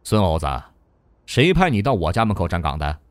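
Guy doing a stern mocking governor, pitch swings all over, dry sound. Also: sing-song, quick pace, no room sound. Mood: scolding. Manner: sarcastic, scolding. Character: stern sarcastic male provincial governor.

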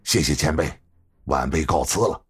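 A man doing a guarded young adventurer who keeps his tone respectful and restrained. His voice is low and husky, and faint music plays behind him. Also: expressive, moderate pace, full character voice. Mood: polite.

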